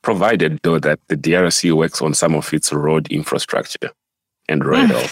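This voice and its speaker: A man from Africa co-hosting a casual discussion, explaining in a measured way with fillers. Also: a bass voice, steady tone, no room sound.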